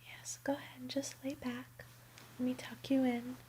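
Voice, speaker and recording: A woman doing a bedtime ASMR roleplay in a soft, soothing whisper. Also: sits high, level tone, normal speed, slight background noise.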